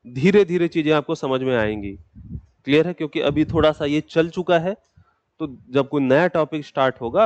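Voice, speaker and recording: A man's voice: fairly high pitch, a little mellow, no echo. Patient fatherly male teacher, muffled. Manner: patient, fatherly, addresses students as beta. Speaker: geography teacher. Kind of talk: classroom lecture. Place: classroom.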